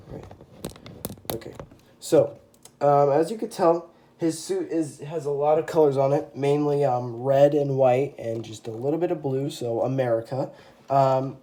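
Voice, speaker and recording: A young man whose dark, mid-range voice is clogged up by a cold shows off his custom toy figure for a phone camera, with slight noise in the background. He keeps saying um and correcting himself in this casual show-and-tell.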